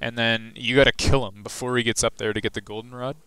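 A teenage boy talks through a video game tutorial in a loose, rambling way, full of fillers and restarts. His voice is smooth and clear, at a middle pitch for a guy. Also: flat delivery, fast, pushed and bright, dry recording. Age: teens. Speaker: gaming video host. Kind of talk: casual gameplay walkthrough commentary.

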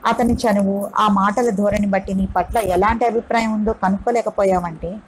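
A woman voicing a lively, frank young woman in a storybook reading, brisk and teasing. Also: mid-range voice, breathy edge, close to an everyday voice, rough recording. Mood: scolding.

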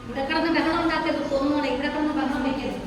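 A woman's voice: high voice, steady tone, rapid-fire, music in the background, close to an everyday voice. A woman playing a shop owner who scolds an intruder and repeats her commands. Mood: stern. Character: stern woman shopkeeper confronting an intruder. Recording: echoey room from far off, noisy.

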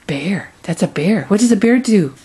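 A woman's voice: mid-range voice, warm tone, slight background noise. A young woman at home, using playful, coaxing baby talk with a toddler while filming on a handheld camcorder.

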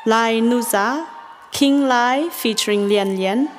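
Slow, measured woman reading nominees. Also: on the high side, a little hiss or hum. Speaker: announcer. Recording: hall reverb with faint ambience.

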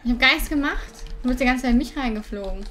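A young woman co-hosting a video game let's play, teasing her partner with quick retorts. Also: high voice, sharp tone. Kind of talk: casual co-op gaming chat.

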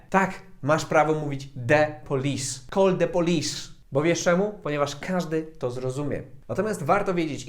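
Joking man teaching to camera. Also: on the high side. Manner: joking, addresses the viewer directly. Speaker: English-language teacher. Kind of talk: casual video lesson to camera.

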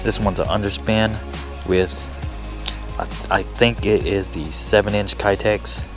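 A young man hosting a casual fishing vlog outdoors on a lake, talking in a hyped, slangy, excitable way into an action camera. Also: on the low side, measured pace, music in the background. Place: outdoors on a lake, in a kayak and boat.

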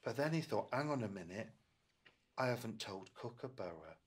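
An older man reading a picture book to small children as if to toddlers, in an animated, coaxing way with questions and asides. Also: on the low side, moderate pace. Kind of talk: reading to young children, interactive storytelling. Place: small children's room indoors, seated close to young children.

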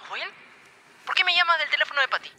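An actor playing a smug young male rival in a sitcom, speaking with a mocking, drawn-out teasing manner. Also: very high voice, expressive, noisy background. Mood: smug taunting. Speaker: rival on the phone. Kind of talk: sitcom acting.

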